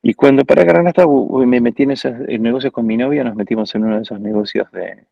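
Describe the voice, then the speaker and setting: Gravelly Argentine man giving a reflective talk. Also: mid-range voice, fast, warm tone, dry recording, highs cut off. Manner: reflective, digressive storytelling. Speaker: guest speaker at an architecture school. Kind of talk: informal lecture.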